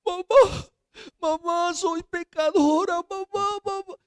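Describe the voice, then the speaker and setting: Man putting on a small crying girl, squeaky and wailing, full of remorse, clean close voice. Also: steady tone, slow pace, dry recording. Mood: tearful pleading. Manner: high wailing pleas. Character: sobbing nine-year-old girl, remorseful.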